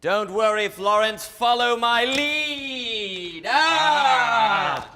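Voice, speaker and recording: High, melodramatic stage hero. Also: male voice, slow, very noisy. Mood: bold, melodramatic. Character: overwrought melodramatic stage hero, loudly reassuring. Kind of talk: exaggerated theatrical stage acting.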